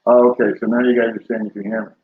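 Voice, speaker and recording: A middle-aged man talks loosely with his viewers, trailing off into fillers. His voice sounds husky and comes through metallic, gurgling and robot-like. The stream audio is dull and lo-fi. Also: medium pitch, racing. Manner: rambling, relaxed, trails off with fillers. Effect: metallic, garbled robot-like stream audio. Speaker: livestream host. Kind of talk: casual livestream chat with viewers. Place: home room with the air conditioner running.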